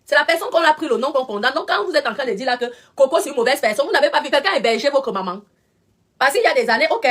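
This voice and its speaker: A woman's voice: high voice, fairly bright tone. A woman, giving casual live-stream commentary, talking straight to her viewers and repeating her points for emphasis.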